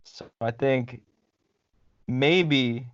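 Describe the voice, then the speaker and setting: A man co-hosting a sports podcast, chatting casually in halting, heavily profane bro slang. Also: mid-range voice, no echo, dull audio. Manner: slangy bro-talk, heavy swearing, halting.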